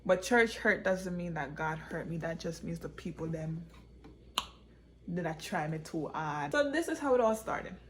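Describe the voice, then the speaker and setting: Telling a personal story in a relaxed way, this woman repeats phrases for emphasis and drifts into Patois; she's a vlogger and author born in Jamaica and raised in England and the US. Her voice is on the low side and expressive, at normal speed, with a little hiss or hum in the recording.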